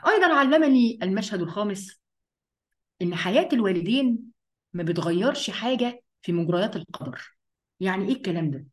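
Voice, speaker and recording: A woman's voice: mid-range voice, expressive, fast. A woman with an Egyptian accent giving a religious lesson, speaking straight to a female listener and acting out the worries and replies she imagines. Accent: Egyptian Arabic. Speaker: religious teacher.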